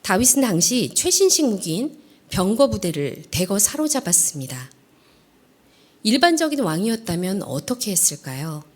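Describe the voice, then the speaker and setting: A woman delivers an earnest dawn prayer sermon, her pitch swinging widely as she rises on key words and then sinks to soft, almost whispered phrase endings. She speaks as an evangelist addressing her congregation. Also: big pitch swings, normal speed. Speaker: evangelist preaching.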